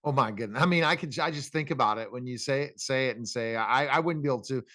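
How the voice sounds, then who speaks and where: A man's voice: medium pitch, quick pace, pushed and bright, no echo, clean studio sound. A man hosting a casual talk interview, talkative, with rambling questions and remarks about himself.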